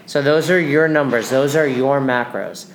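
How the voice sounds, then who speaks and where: A man's voice: medium pitch, moderate pace, a little hiss or hum, rough recording. A man hosting as a nutrition coach, explaining things in casual, instructional talk.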